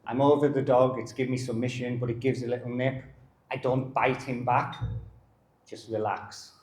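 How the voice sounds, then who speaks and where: A middle-aged man, a dog behaviour specialist, giving a live masterclass in a calm manner and short broken phrases. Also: mid-range voice, fairly quick. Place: live lecture venue. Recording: roomy echo.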